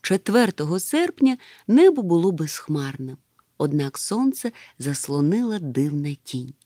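Lady reading a kids story, very lively pitch, dry close mic. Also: measured pace, dry recording. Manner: expressive, animated. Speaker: narrator. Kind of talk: audiobook narration.

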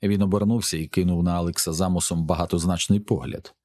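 A man with a very low, deep voice narrates an action novel. His reading is steady and measured throughout. He keeps an even, scripted narration pace. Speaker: audiobook narrator.

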